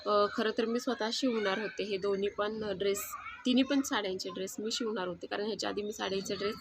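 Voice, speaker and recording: A woman's voice: medium pitch, steady tone, quick pace. A woman vlogging casually at home, rambling with fillers and self-corrections. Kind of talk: casual home vlog chat. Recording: noisy home recording.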